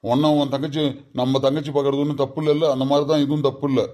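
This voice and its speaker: A man playing a patient son and husband who calmly reasons with his mother in a comedy skit, with a Kanyakumari Tamil accent. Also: medium pitch, very fast, close to an everyday voice. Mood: reasoning. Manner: calm, reasoning.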